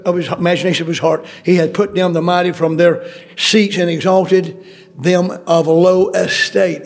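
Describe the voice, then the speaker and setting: A man's voice: sits high, creaky, darkish tone. A man preaching a sermon, reading scripture aloud and breaking in with plain, folksy asides to explain it. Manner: reads verses then comments in plain folksy asides.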